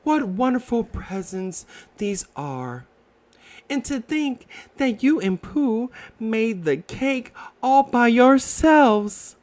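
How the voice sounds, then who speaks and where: A man's voice: very high voice, big pitch swings, slow, a little mellow, voice pushed up, exaggerated voice. A man voicing a tender, grateful mother kangaroo in a children's storybook. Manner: tender, approving.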